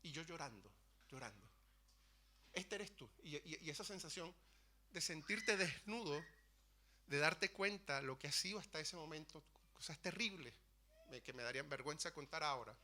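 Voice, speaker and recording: Earnest preacher with a bright voice. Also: male voice, fairly high pitch, normal speed. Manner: earnest, storytelling with many restarts. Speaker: preacher sharing testimony. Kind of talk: sermon testimony. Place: church.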